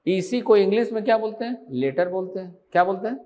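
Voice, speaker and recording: A man's voice: sits high, quick pace, mellow. A man teaching an online exam-prep grammar lesson, asking his students question after question and answering them himself.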